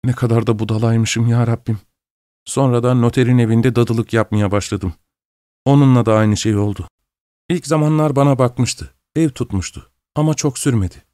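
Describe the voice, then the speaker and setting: A man's voice: mid-range voice, fairly even intonation, normal speed, warm tone, dry recording, clean studio sound, lightly acted. A man reading an audiobook, voicing a grieving young woman who tearfully tells her long-lost brother her story. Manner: tearful, pleading, emotional.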